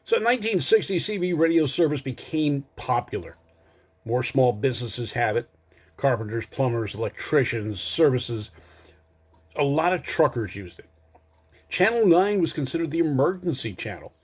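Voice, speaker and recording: Lively in intonation and a bit rough, this medium-pitched older man speaks at normal speed as host of a car enthusiast show. His talk to a live online audience is casual and informative, folksy in its explanations and sprinkled with wry remarks.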